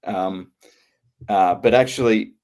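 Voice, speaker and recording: Man, new zealand accent, measured reflective podcast chat, somewhat low voice. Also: a little mellow. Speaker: podcast co-host and channel creator. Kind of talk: casual roundtable chat.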